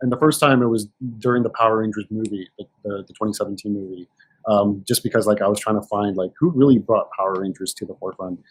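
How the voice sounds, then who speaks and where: A man in casual podcast chat, telling anecdotes with animated restarts. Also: lowish voice, fast talker, breathy edge, poor audio. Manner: storytelling, animated, many restarts. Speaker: podcast guest.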